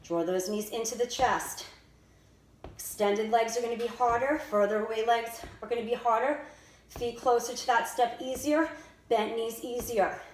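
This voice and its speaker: A woman's voice: fairly high pitch, fairly even intonation, moderate pace. A woman fitness instructor giving directive, step-by-step workout instruction and exercise cues. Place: indoors by a staircase. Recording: echoey room with faint noise.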